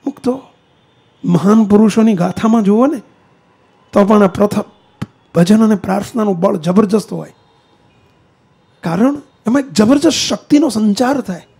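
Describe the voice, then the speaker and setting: A man's voice: high-pitched, moderate pace, vocal fry, long pauses, dark tone, husky. A man preaching a sermon in a temple hall, speaking straight to the congregation with questions and challenges.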